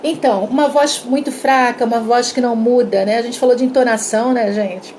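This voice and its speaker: A woman with a Brazilian Portuguese accent teaching communication in a live online class, her throat dry, in a lively manner that acts out little sample dialogues. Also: on the high side, a little fast, a little hiss or hum. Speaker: communication coach.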